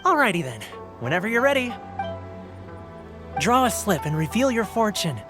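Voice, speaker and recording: A genial stallholder who tells fortunes in a video game. His delivery is very animated, courteous and ceremonious, with faint music behind him. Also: high-pitched, moderate pace. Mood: welcoming. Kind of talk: video game character acting.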